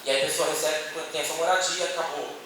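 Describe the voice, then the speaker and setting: A man's voice: a little high, steady tone, fast talker, sharp tone, distant mic. A man with a Brazilian accent giving a conversational church talk to an audience, with many tag questions. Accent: Brazilian Portuguese. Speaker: speaker on a church panel. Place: meeting hall with an audience. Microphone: handheld microphone. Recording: echoey hall, voice from off-mic, noisy.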